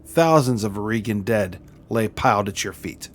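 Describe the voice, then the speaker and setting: A man voicing a wronged exiled queen in a video game, stern and resolute, speaking formally and gravely. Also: on the low side, animated, moderate pace, slight background noise, lightly acted. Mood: outraged.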